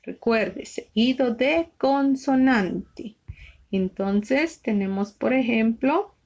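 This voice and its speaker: Woman, shorthand teacher, slow and patient, spells each letter out, slightly dull lo-fi sound. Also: a little high, a little mellow. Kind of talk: slow step-by-step lesson.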